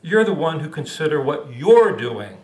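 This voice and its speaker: A man's voice: on the high side, sing-song, moderate pace, a little mellow, echoey room, low-quality recording. A man doing a tiny carefree bug voice. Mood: pleading. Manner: breezy, slangy, argumentative. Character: tiny carefree male insect, playful and defiant.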